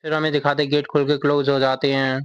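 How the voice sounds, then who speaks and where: A man's voice: medium pitch, little pitch movement, quick pace, smooth, no echo, dull audio. A man casually retelling a manga chapter as a recap narrator. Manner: reads character lines in the same plain voice.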